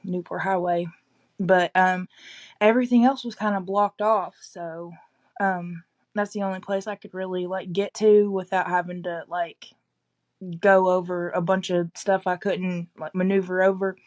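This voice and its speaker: A woman's voice: fairly low pitch, steady tone, unhurried. A woman with an East Tennessee accent, chatting casually as a local resident giving news, often backtracking and qualifying what she says.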